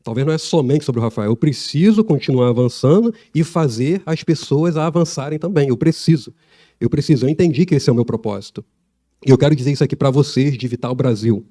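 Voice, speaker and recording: A middle-aged man preaches in church, his voice very dark and mellow. He keeps the sermon chatty, laughing and breaking into asides. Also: mid-range voice, brisk.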